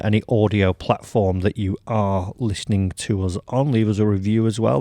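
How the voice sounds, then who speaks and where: A man's voice: on the low side, dark tone, no echo, clean studio sound. A man hosting a golf podcast in a playful, chatty way, with frequent ums. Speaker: podcast host. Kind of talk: casual chat.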